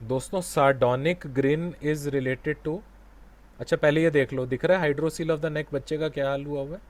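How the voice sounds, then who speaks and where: Slow-talking Indian man teaching a class. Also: fairly high pitch, fairly even intonation. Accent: Indian English. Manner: slow, mixes Hindi and English, quizzes students. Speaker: dental exam teacher. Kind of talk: online class lecture. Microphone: video call.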